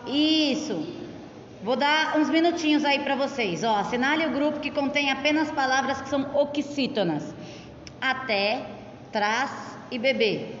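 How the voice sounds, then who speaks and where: A woman's voice: high voice, measured pace, fairly bright tone, a little hiss or hum. Patient Brazilian woman teacher, echoey classroom. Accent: Brazilian Portuguese. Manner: patient, explains step by step with frequent tag questions. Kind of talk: classroom explanation. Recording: echoey, dull lo-fi room recording.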